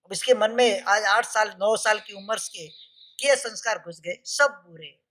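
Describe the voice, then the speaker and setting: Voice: mid-range voice, a little slow, sharp tone, poor audio. A Jain monastic preacher in their fifties giving a sermon, using rhetorical questions, repeated lists and stories. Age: 50s.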